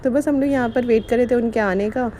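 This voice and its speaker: A chatty woman, rambling from one detail to the next. Her voice is soft and mellow rather than bright. A faint hiss sits under the voice-over. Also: a little high, fast talker. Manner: chatty, rambling storytelling with frequent laughs. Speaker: vlogger. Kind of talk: casual vlog narration.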